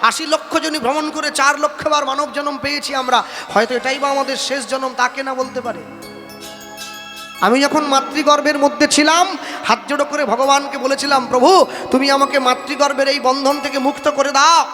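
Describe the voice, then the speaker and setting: A man's voice: very high voice, steady tone, moderate pace, bright, forceful tone. A man preaching a devotional sermon in an impassioned, sing-song manner, breaking into chanted verses. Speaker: kirtan preacher. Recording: echoey hall, faint music behind.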